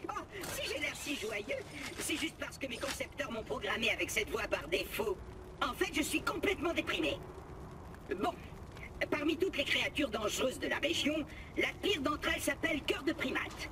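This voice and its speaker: A squeaky, high-pitched robot, chattering boastfully and rambling on with wildly swinging pitch. He sounds a little distant from the mic, with steady game noise underneath. He is cheerful on the surface but gloomy inside. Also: moderate pace, heavily acted. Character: chirpy chatty male robot sidekick, secretly gloomy.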